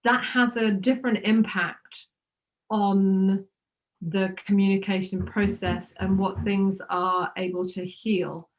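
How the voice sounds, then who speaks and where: A woman hosting an interview in a relaxed, conversational way, asking questions over a video call. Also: mid-range voice, slow pace, rough recording.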